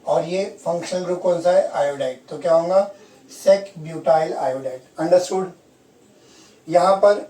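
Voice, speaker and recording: A man with a warm, somewhat high voice teaches chemistry in a blend of Hindi and English, frequently quizzing his students and repeating key terms. This classroom lecture was recorded from a distance in an echoey room.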